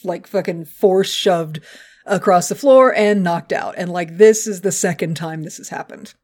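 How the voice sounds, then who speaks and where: Animated woman co-hosting a podcast. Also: on the low side, unhurried. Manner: animated, profane and joking. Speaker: podcast co-host. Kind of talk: casual chat recapping a cartoon episode.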